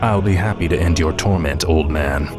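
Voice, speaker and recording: Fallen prince turned undead death knight: low voice, imperious, menacing, video game drama over loud music. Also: male voice, moderate pace. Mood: menacing, contemptuous. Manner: commanding, menacing.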